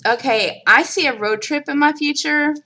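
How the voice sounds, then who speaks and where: A middle-aged woman with a mild Kentucky accent hosts a live craft stream, chatting casually with viewers. Her voice is high and sharp in tone at a normal speed, and she's chatty, talking directly to people in the chat.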